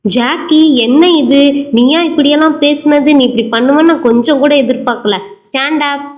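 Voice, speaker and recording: A woman's voice: sits high, normal speed, close to an everyday voice. A woman voicing a strict but caring teacher in a doll show, speaking firmly. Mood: scolding. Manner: firm, scolding. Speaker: schoolteacher.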